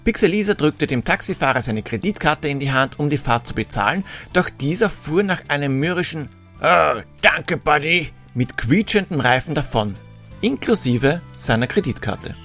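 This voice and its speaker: A man's voice: a little high, big pitch swings, normal speed, fairly bright tone, soft background music. Wry male storyteller. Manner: wry, sarcastic asides. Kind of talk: scripted narration.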